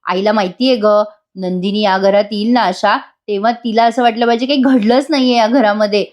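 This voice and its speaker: A woman's voice: medium pitch, steady tone, brisk, a little mellow, natural voice. A woman voicing a lovesick, earnest young husband in a voice-over retelling of a TV serial scene, speaking in a pleading, affectionate way. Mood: insistent.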